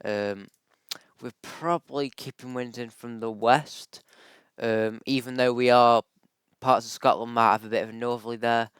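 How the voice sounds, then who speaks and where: Hosting a casual forecast vlog over screen-shared weather charts, a man with a bad cold talks at normal speed in a medium-pitched, steady, slightly bright and clean voice that sounds a little off. He rambles chattily, thinking aloud with plenty of ums and likes. The audio is clean studio sound with no room echo.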